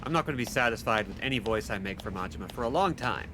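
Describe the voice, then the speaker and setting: A man's voice: lowish voice, lively intonation, quick pace, noisy background. A man giving casual, self-deprecating commentary as he plays a game. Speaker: game streamer.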